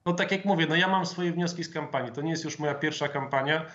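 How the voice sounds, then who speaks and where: A man in his thirties, a member of parliament, answering interview questions over a video call in a measured, formal way with some hesitant fillers. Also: a little high, fairly bright tone. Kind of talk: political interview. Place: home office with flag, indoors. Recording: dull lo-fi video call audio.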